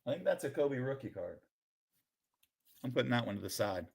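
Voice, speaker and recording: Excitable man reading off card names. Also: mid-range voice, fairly quick, creaky, breathy edge. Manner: excitable, reads names aloud then drops into quiet muttered asides. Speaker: sports card streamer opening a collection. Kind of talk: live-stream commentary while sorting cards.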